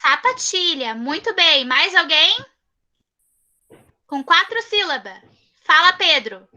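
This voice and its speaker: High, bright-voiced Brazilian teacher. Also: female voice, sing-song, lo-fi sound. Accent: Brazilian Portuguese. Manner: patient, repeats each answer slowly and praises. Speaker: primary school teacher. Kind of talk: online class with young children. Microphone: computer mic on a video call.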